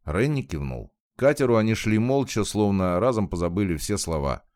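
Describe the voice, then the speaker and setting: A man narrating a novel as an audiobook in a calm, measured, expressive reading on a close mic. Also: on the low side, dry recording.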